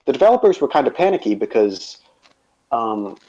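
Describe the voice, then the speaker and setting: A man chatting on a gaming podcast, stopping and restarting often and filling gaps with "um" and "uh". His voice sits at an ordinary pitch. The audio is dull and lo-fi. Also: sing-song, warm tone. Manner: halting, many fillers and restarts. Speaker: podcast co-host. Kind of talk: casual gaming chat.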